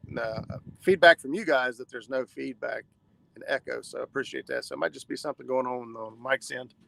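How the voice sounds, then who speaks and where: Gravelly man in his forties on a boat. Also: medium pitch, expressive, brisk, fairly bright tone, poor audio. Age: 40s. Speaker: fishing livestream host. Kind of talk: casual chat reading live comments. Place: outdoors on a fishing boat.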